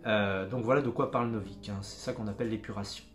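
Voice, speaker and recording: A man giving a casual spoken book review, pausing often and restarting his sentences. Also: on the low side, fairly even intonation, faint music behind. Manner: hesitant, many fillers and restarts; jokes about his own English accent.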